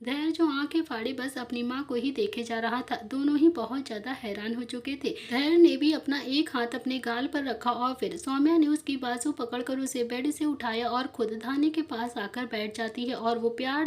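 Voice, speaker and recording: High-voiced woman narrating a story. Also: normal speed, hardly any pauses. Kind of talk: scripted narration.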